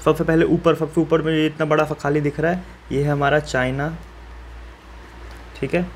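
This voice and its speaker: A man's voice: on the high side, level tone, normal speed, a little hiss or hum. A man teaching students step by step how to fill in a map, in a friendly and reassuring way, often asking viewers questions. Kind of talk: map-filling lesson for school students.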